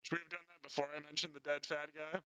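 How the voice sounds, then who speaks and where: A man's very bright, smooth voice comes through a bad connection, his audio cutting out and fading. He talks in a wry, laid-back way as he plays a tabletop game over a call. The sound is dry when it gets through. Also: on the high side, flat delivery, rapid-fire, no room sound. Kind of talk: casual chat over a voice call. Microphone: own microphone on a voice call.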